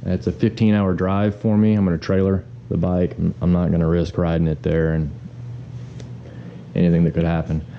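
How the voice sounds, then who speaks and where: A young man talking casually about his motorcycle, filling pauses with ums, recorded on an action camera. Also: low-pitched, highs cut off. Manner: relaxed, with frequent ums. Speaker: motorcycle vlogger. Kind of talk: casual vlog narration. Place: garage, then inside a truck on the road. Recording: camera mic with road and engine noise.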